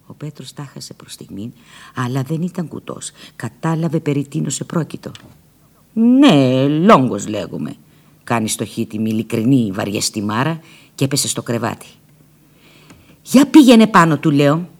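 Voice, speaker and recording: A woman's voice: very deep voice, husky. Woman reading a novel with dramatic flair. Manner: expressive, dramatic storytelling with lively shifts in loudness. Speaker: audiobook narrator. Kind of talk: first-person novel reading.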